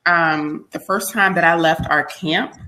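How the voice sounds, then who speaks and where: A woman as interview guest, telling travel stories in an animated, hesitant way with fillers. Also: sits low, unhurried, low-quality recording. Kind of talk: casual interview chat.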